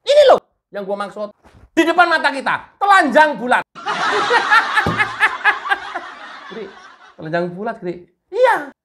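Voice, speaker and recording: A woman's voice: a little high, big pitch swings, normal speed, heavy background noise. A woman giving a mocking, emphatic political commentary full of rhetorical questions.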